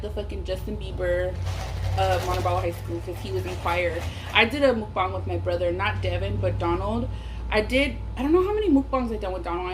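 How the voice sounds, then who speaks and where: A woman's voice: medium pitch, poor audio. A woman chats casually and bluntly, rambling and swearing through a story while eating chicken wings. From Los Angeles area, California. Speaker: mukbang vlogger. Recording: clear background noise, air conditioning hum. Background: air conditioner.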